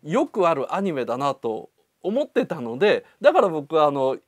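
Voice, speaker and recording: A man hosting a casual interview, teasing his guest and dropping in quick back-channel replies. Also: a little high, very animated, no room sound, studio quality. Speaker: host.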